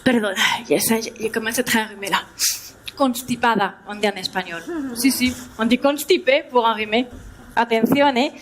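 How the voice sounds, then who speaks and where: Woman comic doing a chirpy spanish teacher lady, heavy spanish accent, high voice, teasing the crowd on stage. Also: fairly even intonation, moderate pace, slight background noise, lightly acted. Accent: Spanish accent in French. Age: young adult. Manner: playful, teasing the audience, mixing Spanish into French. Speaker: stand-up comedian. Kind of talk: stand-up character act. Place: theatre stage before a live audience.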